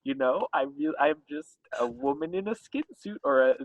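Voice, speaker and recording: A cheery female darkness creature in a skin suit, as a man puts her on for improvised comic storytelling. She talks in a lilting, strained falsetto with mock-polite charm and swoops all over her pitch. The sound is dry and a little dull. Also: expressive, moderate pace, dry recording, lightly acted. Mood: chirpy.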